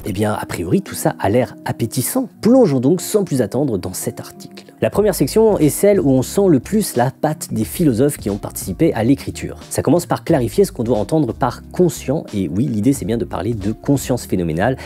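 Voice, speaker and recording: A man hosting an explanatory video essay, teaching in a lively, didactic way and dropping frequent asides. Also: medium pitch, a little fast, few pauses, faint music behind.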